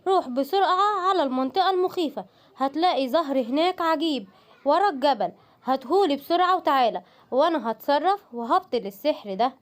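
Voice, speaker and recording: A woman with an Egyptian accent voicing a caring father lion who asks quick questions and gives calm orders in a homemade cartoon. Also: high-pitched. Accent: Egyptian Arabic.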